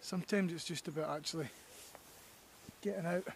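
A Scottish landscape photographer vlogs on a hilltop in snowy weather, talking to camera while walking, enthusiastic and reflective. His voice is a little high and gravelly, slightly fast, with slight background noise.

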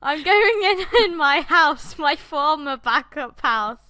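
A young woman chats over a game in a high, bright voice, taking her time with the words. She sounds playful and giggly and bosses her friend around. The mic is close and dry. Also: animated, slow, dry recording. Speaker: channel host. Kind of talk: casual gaming chat.

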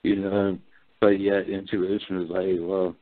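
A man's voice: deep voice, flat delivery, a little slow, no room sound. Man muffled as if through a wall. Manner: rambling, heavy on fillers. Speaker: call-in show host. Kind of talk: casual phone conversation. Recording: muffled phone line.

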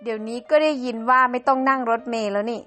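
Woman doing a gentle, devoted young boyfriend. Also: a little high, steady tone, fast talker, faint music behind, lightly acted. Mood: casual. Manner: soothing, reassuring.

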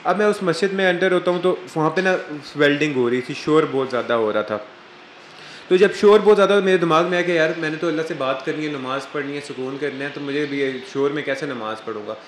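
A man's voice: on the high side, fast talker, a little hiss or hum. A man from Pakistan, giving an earnest religious talk and telling a personal story with emotion. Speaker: religious speaker. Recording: echoey room, faint ambience.

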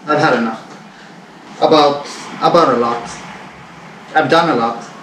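A man's voice: fairly high pitch, measured pace, fairly bright tone. Forties guy from canada rambling on, echoey room, faint hum behind. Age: 40s. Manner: rambling, repeats himself, many fillers. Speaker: vlogger. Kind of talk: casual talk to camera. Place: living room at home. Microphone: far camera on a tripod. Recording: roomy, distant camera sound.

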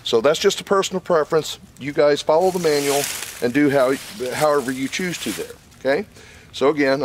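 A man's voice: on the high side, slight background noise. Folksy older man demonstrating outdoors. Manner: plain folksy explaining with fillers and repeats. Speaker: channel host reviewing a chainsaw. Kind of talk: casual how-to demonstration. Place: outdoors in a wooded lot.

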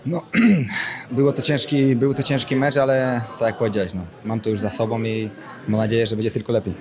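Fast-talking young man, low voice, crowd noise. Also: little pitch movement. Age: young adult. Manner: modest, plain, clears throat. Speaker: footballer. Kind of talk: post-match interview. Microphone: handheld broadcast mic.

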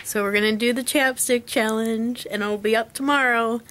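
A woman's voice: a little high, steady tone, normal speed, a bit bright. A young woman vlogging casually from a handheld camera at arm's length, rambling with lots of fillers and giggles. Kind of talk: casual vlog chat. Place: home, then a car at night.

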